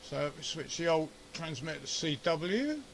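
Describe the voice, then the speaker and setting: With a fairly high pitch, big swings in intonation, and some vocal fry, this man speaks at a moderate pace over slight background noise. He's an amateur radio hobbyist and video host chatting through a hands-on demonstration in his home radio shack. The session is unscripted, and he mutters and grumbles while troubleshooting.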